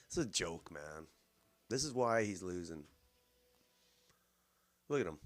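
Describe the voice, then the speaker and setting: A man's voice: low voice, lively intonation, slow pace, dry recording. A man hosting casual political commentary, mocking and swearing as he reacts to clips and mimics politicians in a sing-song voice. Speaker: host.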